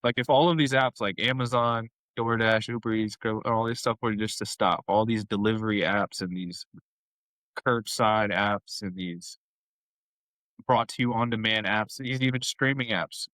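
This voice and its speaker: A young man co-hosting a casual podcast, telling animated stories and giving playful shout-outs. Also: fairly low pitch, moderate pace, no room sound, poor audio. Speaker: podcast co-host.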